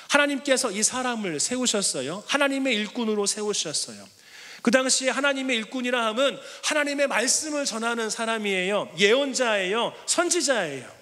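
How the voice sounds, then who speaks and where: A male pastor delivers a Sunday sermon in a noticeably high voice, preaching with animated swings and acting out voices in his story. His words ring out with a long hall reverb in a church sanctuary. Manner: animated preaching, acting out crowd cries and Jesus' imagined words.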